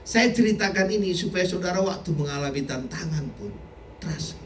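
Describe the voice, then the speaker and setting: A middle-aged man preaching a sermon as a pastor, animated, sometimes shouting and often laughing. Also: high-pitched, fairly quick, a little hiss or hum. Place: church hall. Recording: echoey church hall, mic from a distance.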